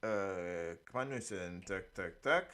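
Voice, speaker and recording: Mauritian male radio host, unhurried, hesitant chatty delivery with frequent laughs, talks to listeners by name. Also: low-pitched, expressive, fairly bright tone. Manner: hesitant, many filler sounds, laughs often, speaks to listeners by name. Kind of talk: casual radio talk about Creole words.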